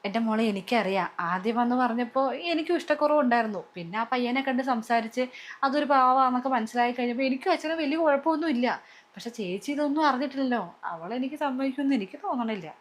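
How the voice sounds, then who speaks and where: A woman playing a worried middle-aged mother who pleads with her daughters to stay calm, in a family skit. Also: sits high, fast. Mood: pleading.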